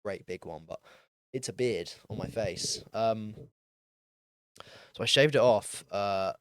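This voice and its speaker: A man's voice: lowish voice, takes it slowly, clean tone, dry recording, studio quality. A young man in his late teens hosting a solo podcast, rambling in a casual, self-deprecating way with lots of ums and likes. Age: young adult, turning twenty. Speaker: podcast host.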